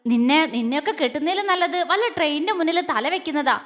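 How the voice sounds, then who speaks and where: An irritable, hot-headed young man who mocks and bickers, as a woman narrator plays him. The voice sits high. The recording has a long, echoing reverb. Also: lively intonation, fast talker, a bit bright. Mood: irritated. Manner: irritable, mocking.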